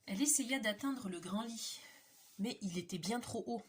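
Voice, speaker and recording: A woman reading a children's storybook aloud, expressive and slow, dropping to dramatic hushes. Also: mid-range voice, breathy edge.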